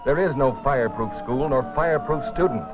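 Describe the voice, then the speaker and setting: Narrating a safety training film told as a dramatic scripted story, a man speaks briskly in a mid-range voice with a grave, urgent, theatrical manner, over a dull vintage film soundtrack with music.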